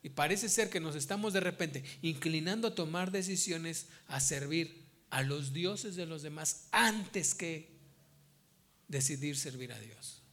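A man's voice: fairly high pitch, fairly bright tone. A man preaching a sermon as pastor, emphatic and repeating his key phrases.

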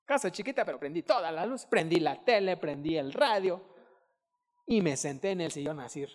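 A middle-aged man preaching a sermon, animated, acting out quotes and breaking into loud shouted bursts. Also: on the high side, a little fast. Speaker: pastor. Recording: long hall reverb.

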